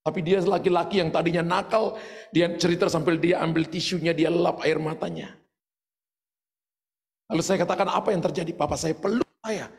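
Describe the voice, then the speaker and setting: A man preaching a sermon with an Indonesian accent, his voice pitched high and edged with a gravelly fry. He tells his story animatedly, rising into shouts, and his words ring out with a long reverb through a large church hall. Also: fairly even intonation, fairly quick. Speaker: pastor.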